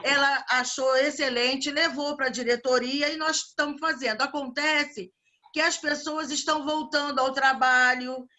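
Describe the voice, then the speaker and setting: A woman with a high, steady voice talks at a moderate pace in a casual online spiritual meeting. She organizes events and evangelizes, offering warm religious farewells, and she keeps restarting her sentences. The audio comes from a video call.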